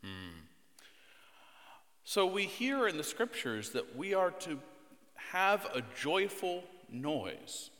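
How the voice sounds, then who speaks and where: Lively bright-voiced male pastor, church reverb. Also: sits high, takes it slowly. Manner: expressive, playful with children. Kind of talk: scripture reading and children's sermon. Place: church sanctuary.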